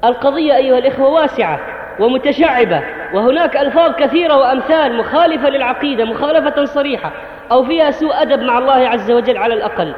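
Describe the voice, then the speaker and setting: A man's voice: very high voice, fast talker. A man preaching a sermon to the congregation, earnest and instructive, addressing the brothers directly. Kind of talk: Friday sermon. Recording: echoey hall, tinny phone-like sound.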